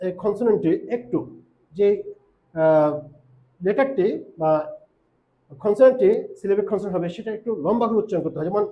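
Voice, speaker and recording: A man with a Bangladeshi accent teaching English pronunciation, explaining slowly and repeating each example word. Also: sits high, expressive, narrow, tinny audio. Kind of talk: recorded pronunciation lesson.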